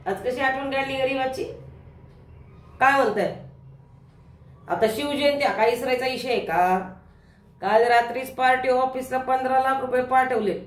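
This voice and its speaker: Here the same kind of role is played with a voice that sits high: a woman, acting in a one-act play competition, delivers a stage monologue as a crude, bullying, lecherous and boastful middle-aged businessman father. She sounds boastful and jovial, her manner leering, swaggering and colloquial, recorded from a distance in an echoey hall.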